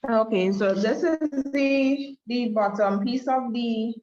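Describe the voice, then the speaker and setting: A female student on a video call whose audio keeps breaking up, slowly and haltingly explaining her homework to the class. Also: on the high side, a little mellow, lo-fi sound.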